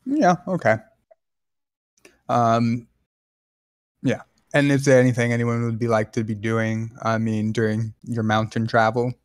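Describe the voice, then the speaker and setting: A man narrating as game master, halting with many ums and restarts. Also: medium pitch, steady tone, no echo, clean studio sound.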